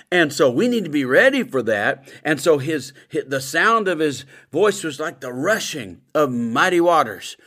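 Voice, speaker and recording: Middle-aged preacher guy, kinda high voice, gets loud then drops quiet. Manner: emphatic, swings between loud bursts and quiet asides. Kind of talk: sermon.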